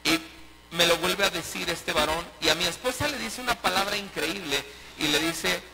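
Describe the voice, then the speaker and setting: A man's voice: high-pitched, normal speed, gravelly, low-quality recording. A man preaching a sermon as pastor, emphatic and full of rhetorical questions. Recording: preaching over loud music. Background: loud music.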